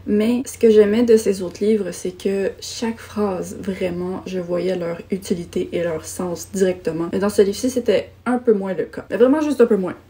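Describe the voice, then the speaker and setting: Her medium-pitched, dark voice stays fairly even, flowing at normal speed with few pauses. She's a young adult book vlogger with a Quebec French accent, casually reviewing books, poking fun at herself and slipping into little rants.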